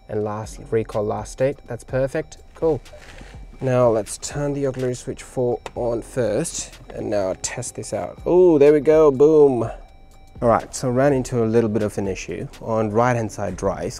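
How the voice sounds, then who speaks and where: An Australian vlogger with a fairly low, dark voice walks through a DIY car radio install. He keeps it casual and hands-on, thinking aloud informally as he works.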